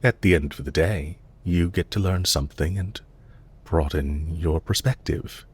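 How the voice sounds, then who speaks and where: Playing a suave, calculating villain leader, a man speaks softly and courteously to the listener in an intimate audio roleplay, his politeness measured and lightly teasing. The low, husky delivery is a full character voice, composed and courteous in mood.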